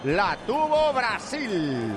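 A man doing live play-by-play football commentary for radio, with rapid, rising calls as the action builds. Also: high voice, wildly swooping pitch, noisy background.

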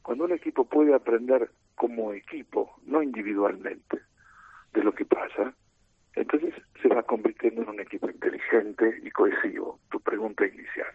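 A middle-aged Argentine man, a team coach, lays out his ideas in a measured, lecturing manner during a radio interview. His mid-range voice is slightly rough, and the dry recording comes through a tinny phone line.

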